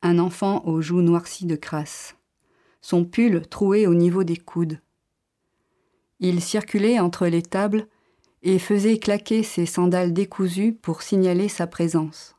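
A woman narrating a literary story in the first person, reading in a calm, measured way. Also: lowish voice.

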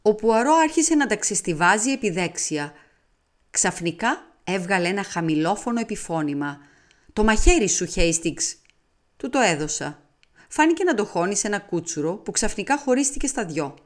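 A woman reading a detective novel aloud as an audiobook, in a measured, expressive way. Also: mid-range voice. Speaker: audiobook reader. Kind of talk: audiobook narration.

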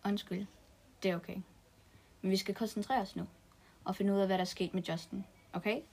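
A woman reading a story aloud and voicing Lise, a calm girl who reassures the others and takes charge. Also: medium pitch, breathy edge. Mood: steadying.

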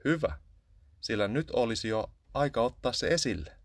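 A man's voice: mid-range voice, big pitch swings, no room sound, studio quality, voice pushed up. A man voicing a scheming, nosy house cat in a storybook, talking in a sly, coaxing way. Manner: coaxing, sly, pointedly loud.

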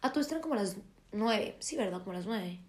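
A woman's voice: medium pitch, quick pace. Young woman telling a story. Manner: animated, acts out quoted dialogue. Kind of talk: casual storytelling chat.

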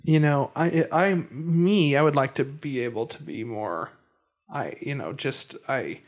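In a mid-range voice that moves a little slowly, a young man hosts a casual podcast. He sounds unsure, often stammering and beginning his sentences again.

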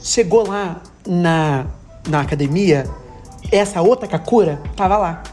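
A young woman co-hosting a podcast, telling building gossip in a casual, animated way with plenty of swearing and pet names for her friends. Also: fairly low pitch, a little slow, faint music behind. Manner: animated, swears freely, calls friends "amiga" and "gata". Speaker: podcast co-host.

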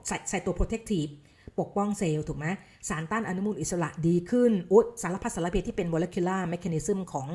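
Mellow-voiced woman giving a chatty lecture. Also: lowish voice, normal speed. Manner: chatty explaining, sprinkles English science terms; asks listeners rhetorical checks. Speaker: health educator. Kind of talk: casual spoken lecture.

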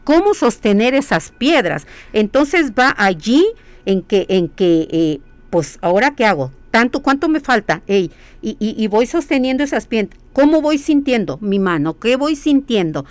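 A woman's voice: on the high side, sing-song, unhurried, dry recording. A woman, a workshop leader answering interview questions in an earnest, repetitive way, often posing questions to herself. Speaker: guest, spiritual hiking workshop leader. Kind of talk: conversational interview.

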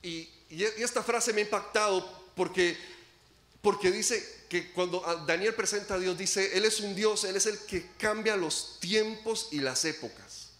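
A man preaching a sermon as pastor, dramatic, acting out laments and swinging widely between loud and soft. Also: unhurried, echoey room. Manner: dramatic preaching, acts out quoted laments, sweeping pitch and volume swings.

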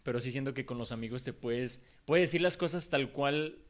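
A man's voice: medium pitch, moderate pace. A man with a Mexican Spanish accent, a guest in a casual chat, who thinks aloud and explains his points with examples.

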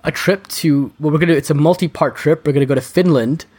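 Fast-talking man with stumbling restarts. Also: a little high, a little mellow, slightly rough. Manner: quick, with many restarts and repeated words. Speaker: podcast guest. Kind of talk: casual interview chat.

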